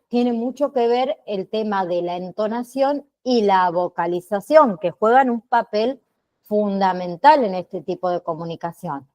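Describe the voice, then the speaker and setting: A middle-aged woman teaching a class over a video call, at an unhurried, careful pace. She pauses often to check in with her students through frequent tag questions. Her voice sits at a medium pitch. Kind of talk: online class lecture. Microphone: computer mic on a video call.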